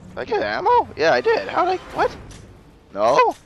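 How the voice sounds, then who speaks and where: A man giving casual gameplay commentary, excitable and jokey, with frequent exclamations and swearing. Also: very high-pitched, moderate pace, gravelly, soft background music, low-quality recording. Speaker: gamer narrating a let's play.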